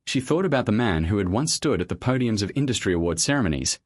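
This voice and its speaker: A man narrates a scripted story with a lowish voice. His delivery is measured and even. The sound is close and dry, with no room echo.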